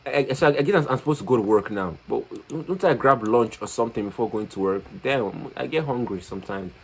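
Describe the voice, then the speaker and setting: A man giving casual, excitable commentary while playing a game, thinking aloud, swearing and using slang like "fam". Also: mid-range voice, fast talker, slightly rough, low-quality recording. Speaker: gamer playing a horror game.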